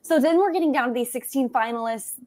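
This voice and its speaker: A woman's voice: high voice, fast, a little mellow. A woman hosting a show, upbeat and enthusiastic as she introduces and questions a guest. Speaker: host.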